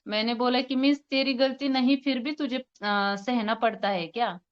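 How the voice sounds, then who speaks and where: A young woman, a homeopathic doctor, presents a patient consultation to a forum of colleagues, quoting both herself and the patient. Her voice is smooth and fairly high, her pace moderate, and she leans on hesitant fillers. The audio is slightly muffled and lo-fi.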